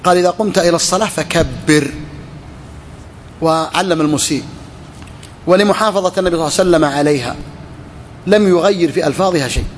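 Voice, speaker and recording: A man's voice: fairly high pitch, fast, long pauses, slight background noise. A man teaching a legal text, with a touch, who repeats key phrases, asks and answers his own questions, and drawls out words to demonstrate. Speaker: sheikh teaching a fiqh text. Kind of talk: explaining a classical text to students.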